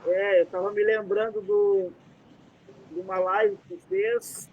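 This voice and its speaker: A Brazilian man with a gravelly, sing-song voice and a Brazilian Portuguese accent speaks slowly while hosting a casual live stream from a dim room. He rambles with many fillers. His headset is off, so a computer mic picks him up, giving muffled lo-fi audio with a faint rumble.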